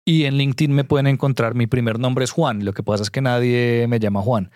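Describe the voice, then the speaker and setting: With a fairly quick pace and fairly even intonation, a man guesting on a conversational podcast shares blunt advice as an investor, sounding earnest and emphatic. His mid-range voice has a darkish tone, and the studio-quality audio carries no echo.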